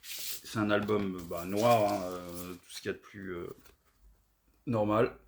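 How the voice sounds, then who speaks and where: Middle-aged french guy, lowish voice, lots of ums, casual vlog chat. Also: fairly even intonation, a little slow, a little hiss or hum. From France. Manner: hesitant, many fillers, enthusiastic about records. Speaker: record collector vlogger. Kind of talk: casual haul video chat.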